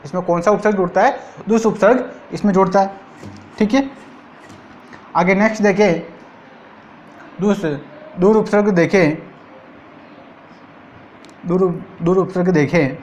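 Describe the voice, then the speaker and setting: Rajasthani guy teaching hindi grammar, highish voice, says every word twice and keeps asking the class. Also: darkish tone, a little hiss or hum. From India. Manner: repeats each word slowly and asks the class questions. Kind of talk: exam-prep grammar lesson.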